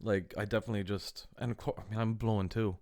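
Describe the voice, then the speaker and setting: A man's voice: lowish voice, steady tone, fast talker, a little mellow, no echo, clean studio sound. A man in his thirties with an accent halfway between west of Ireland and American, chatting casually on a podcast. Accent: blend of west of Ireland and American. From United States and west of Ireland. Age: 30s. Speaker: podcast host. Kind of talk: casual chat.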